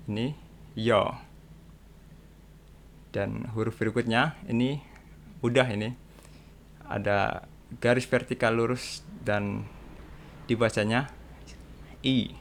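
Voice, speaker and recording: A young man teaching beginners to read letters, explaining slowly and patiently and repeating each sound for practice. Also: fairly low pitch, a little hiss or hum. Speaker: Korean language teacher. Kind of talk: beginner lesson on reading letters.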